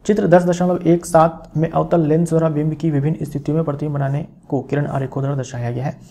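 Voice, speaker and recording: Gravelly man teaching a lesson. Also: fairly high pitch, little pitch movement, fast talker, warm tone. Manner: explanatory, repeats key phrases, checks in with "theek". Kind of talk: classroom physics lesson.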